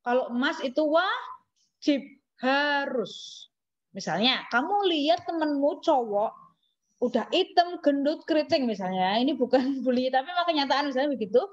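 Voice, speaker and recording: High-voiced Indonesian woman teaching, dull recording. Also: expressive, normal speed. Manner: chatty, asks questions and answers them herself, laughs, teasing. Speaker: English teacher. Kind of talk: classroom lesson.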